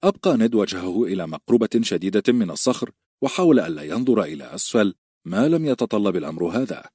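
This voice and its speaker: Husky low-voiced male audiobook narrator. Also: a little mellow, dry recording, studio quality.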